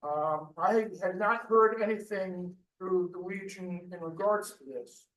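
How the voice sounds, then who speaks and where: A man's voice: sits high, steady tone, a little slow, fairly bright tone. A man with an American accent giving a member's report at a veterans' meeting, loose and rambling with frequent ums. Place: meeting hall. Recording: echoey room, voice from far off.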